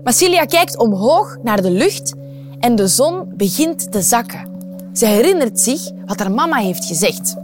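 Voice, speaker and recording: A woman's voice: fairly high pitch, measured pace, soft background music. A woman with a Flemish accent reading a children's story aloud, asking her young listeners questions. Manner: lively, animated voices, asks the children questions.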